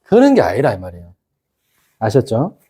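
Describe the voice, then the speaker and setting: A middle-aged pastor preaching a casual youth sermon, constantly asking the congregation whether they agree. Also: male voice, mid-range voice, huge pitch swings, fairly quick, mellow, slightly rough. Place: church youth service.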